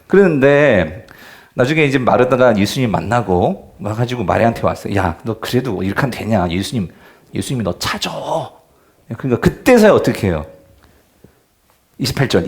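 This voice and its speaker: Animated male pastor quizzing his flock. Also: medium pitch. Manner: keeps asking the congregation questions; swings between loud emphasis and near-whispers. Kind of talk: evening revival sermon. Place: church sanctuary.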